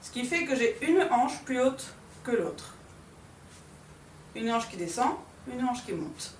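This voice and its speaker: A woman dance teacher giving a calm step-by-step lesson, demonstrating moves and marking accents with short sounds like "pam". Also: a little high, slow pace, slight background noise. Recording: echoey room from far off.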